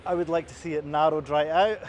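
A Highland Scottish man with a slightly high voice talks as a local guide in an interview, explaining things with some hesitation. He is recorded outdoors, with some traffic noise behind him. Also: steady tone, fast, darkish tone. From Inverness, Scottish Highlands. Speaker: local councillor being interviewed. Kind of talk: conversational guided commentary while out cycling. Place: outdoors on a busy city street. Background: traffic and street noise.

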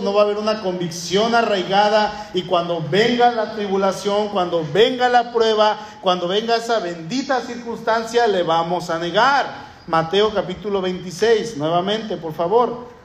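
Mexican pastor guy preaching, kinda high voice, earnest, slows down to hit his points, roomy church echo. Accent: Mexican Spanish. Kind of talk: sermon.

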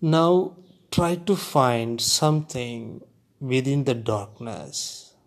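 Very slow, calm man guiding meditation. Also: mid-range voice, gravelly. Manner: unhurried, deliberate delivery with long pauses between short phrases. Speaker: guided meditation instructor. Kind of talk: guided relaxation narration.

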